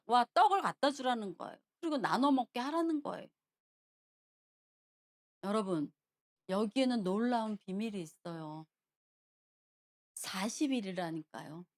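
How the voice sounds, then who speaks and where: A woman preacher with a high, very lively voice, retelling a Bible story to her church. She keeps asking her listeners questions, with big swings of pitch in each line. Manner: animated, questioning the congregation. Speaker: pastor. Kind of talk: sermon storytelling.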